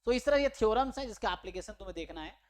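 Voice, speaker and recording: A man's voice: sits high, lively intonation, rapid-fire. A man teaching a maths lecture for exam preparation, explaining step by step and checking in with his students. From India. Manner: explains step by step, mixing English terms and checking in with listeners. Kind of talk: online exam-prep lecture.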